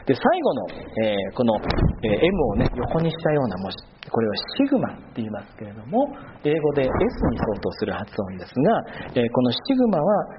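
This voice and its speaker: A male pastor giving a sermon, patiently explaining and pausing with long drawn-out fillers between phrases. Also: mid-range voice. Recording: muffled with steady background noise.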